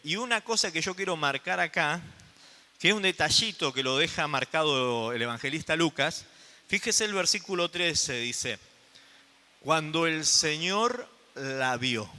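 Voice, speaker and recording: A man's voice: fairly high pitch, pushed and bright, long reverb tail. A man with an Argentine accent preaching a sermon as pastor, asking the congregation rhetorical questions. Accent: Argentine Spanish. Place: church.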